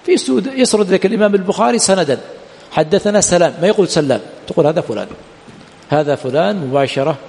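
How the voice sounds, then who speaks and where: A man's voice: high-pitched, animated, fast talker, creaky, darkish tone, big-room sound. A man teaching a lecture on hadith science, who keeps asking rhetorical questions and answering them himself, repeating the key words. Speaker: Islamic studies teacher. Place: lecture hall of an Islamic studies center.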